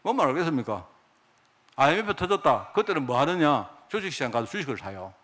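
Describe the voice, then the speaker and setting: A man preaching a sermon as pastor, talking in a lively conversational way with many rhetorical questions to the congregation and acting out quoted speech. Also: fairly high pitch, fast talker. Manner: acts out God's and others' speech in quoted lines.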